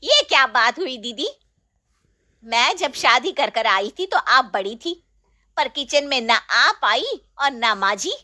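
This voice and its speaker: A woman voicing a scolding, tradition-bound middle-aged aunt-in-law in a storybook, sharp and loud with a nagging, taunting manner. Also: high-pitched, very animated, slow, dry recording, studio quality, voice pushed up, full character voice. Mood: indignant. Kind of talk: storybook voice acting.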